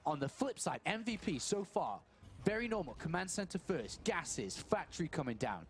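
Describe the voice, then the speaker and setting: A man casting a live strategy game match, thinking aloud in quick questions and answers. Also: a little high, big pitch swings, a little hiss or hum. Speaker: esports caster.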